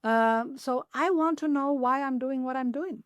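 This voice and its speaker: A woman in her forties speaks as a guest on an interview podcast. Her fairly high voice turns animated and leaps upward when enthusiasm takes over. The sound is close and dry. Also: unhurried, clear, resonant tone, dry recording. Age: 40s. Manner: enthusiastic, pitch jumps up when excited; animated, acts out her own inner questions. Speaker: podcast guest, applied philosopher. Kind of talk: conversational interview.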